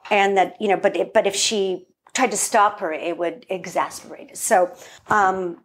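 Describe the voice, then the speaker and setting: A woman's voice: medium pitch, normal speed. A middle-aged woman telling a family story in a casual interview, acting out the voices of the people in it. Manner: animated storyteller, acts out quoted voices. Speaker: podcast guest, filmmaker.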